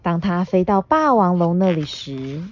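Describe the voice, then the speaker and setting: A woman reading a picture book aloud as podcast host, gently asking a child questions along the way. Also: lowish voice, big pitch swings, a little slow, dry recording.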